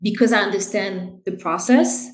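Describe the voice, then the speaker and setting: A woman's voice: mid-range voice, normal speed. Roomy-sounding woman from Haiti, earnest. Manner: earnest, explains with "right?" and "you know". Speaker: guest, brand director. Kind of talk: casual interview conversation.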